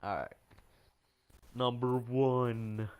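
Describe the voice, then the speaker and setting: A man's voice: mid-range voice, fairly even intonation, extremely slow, noisy background. A man gaming with a friend who keeps cutting in with crude heckling jokes. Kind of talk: casual gameplay chat.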